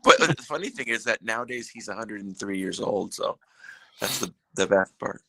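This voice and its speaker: On a live stream, a male guest chats casually, cracking jokes and spinning rambling stories that keep cutting themselves off. His voice is fairly low, expressive and sharp-toned at a normal pace. The recording is rough.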